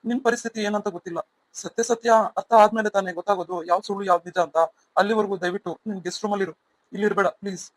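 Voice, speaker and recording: A man's voice: high voice, fairly even intonation, rapid-fire, dry recording, poor audio. Give me a man playing a stern, protective head of the house in a cartoon story, dry close sound. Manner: blunt, commanding. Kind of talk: cartoon serial voice acting.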